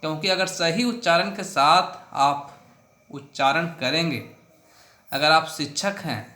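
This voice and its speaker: A man giving a slow, deliberate lesson as a teacher, showing how letters and numerals should be written. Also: on the high side, bright, forceful tone, echoey room. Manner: slow, deliberate instructional delivery. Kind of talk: handwriting lesson.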